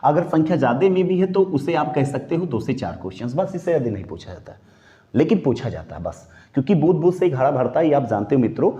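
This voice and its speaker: A man's voice: fairly high pitch, very animated, fast talker, warm tone. A man teaching a grammar lesson, calling viewers his friends and posing questions that he answers himself.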